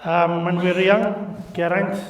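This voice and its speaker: A middle-aged man with a North Welsh accent gives a homely, halting wedding speech. He speaks slowly in a high voice, heard from a distance in an echoing room with guests around him. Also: level tone, slight background noise. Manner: hesitant, homely storytelling. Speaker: father of the groom. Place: large glass-walled wedding reception room. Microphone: handheld mic, picked up from afar. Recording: echoey reception room, distant camera microphone.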